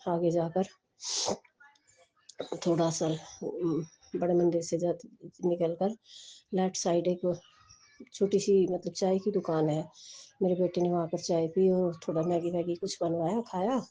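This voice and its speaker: Soft-spoken woman telling a devotional story. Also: lowish voice, level tone, measured pace, long pauses, husky. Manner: rambling, with restarts and quoted dialogue. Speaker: devotee sharing a testimony. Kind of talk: personal devotional story told to the congregation. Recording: home phone voice recording.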